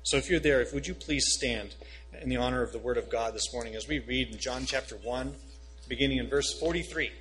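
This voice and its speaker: A man, a pastor reading scripture and preaching a sermon, rising in pitch and volume on key phrases. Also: brisk, a bit bright, slight background noise, rough recording.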